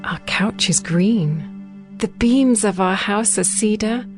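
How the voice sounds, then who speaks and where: In a dramatized scripture reading, an actress with a mid-range voice plays a young bride who is tender and devoted. Her lightly acted delivery is measured and poetic, adoring in mood, with soft music in the background.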